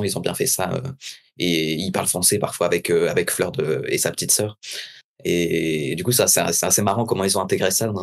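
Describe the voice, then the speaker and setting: A man's voice: sits low, vocal fry. A man co-hosting a casual podcast, talking hesitantly with many fillers. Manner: hesitant, repeats "en fait" and fillers. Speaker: podcast co-host. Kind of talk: casual chat.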